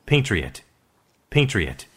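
A man reads out each vocabulary word twice, drawing it out very slowly. His voice is husky, and his pitch moves a lot even on a single word. It sounds like a deliberate pronunciation model. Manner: says each headword twice, slow and deliberate. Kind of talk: slow repeated word pronunciation.

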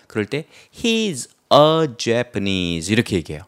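A man's voice: medium pitch, huge pitch swings, slow, clear, resonant tone. A man teaching English vocabulary, explaining word roots and acting out example sentences with playful memory tricks. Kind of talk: lively vocabulary lecture.

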